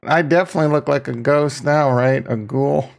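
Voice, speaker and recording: A man hosting a livestream in casual, rambling, self-deprecating slangy chat, with a gravelly morning voice. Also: medium pitch, normal speed. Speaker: livestream host.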